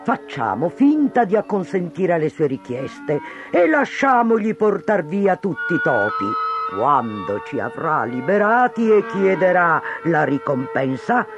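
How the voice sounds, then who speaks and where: A man voicing a greedy, scheming town mayor who blusters loudly and stammers when cornered, in a storybook reading. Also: on the high side, very animated, measured pace, muffled recording, music in the background.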